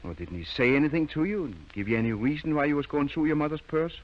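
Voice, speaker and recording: A man's voice: fairly high pitch, animated, quick pace, close to an everyday voice. A man acting in an old-time radio drama as a firm, kindly country doctor, patient but probing. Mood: stern questioning. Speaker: radio actor. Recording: dull, lo-fi vintage radio recording.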